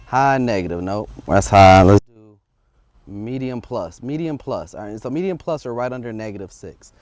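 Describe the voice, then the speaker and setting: Walking up a residential street outside, a man thinks aloud and chats informally for a casual unscripted vlog, testing audio gear with a wireless lavalier clipped to his shirt. He's fairly low-pitched, expressive, and a little mellow, at a moderate pace, with no room sound.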